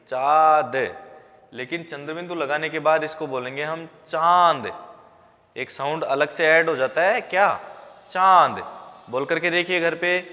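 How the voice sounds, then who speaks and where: Male teacher, slightly high bright voice, very slow deliberate delivery, reverberant room. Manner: slow, drawn-out syllable-by-syllable pronunciation. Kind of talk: classroom lesson on Hindi spelling.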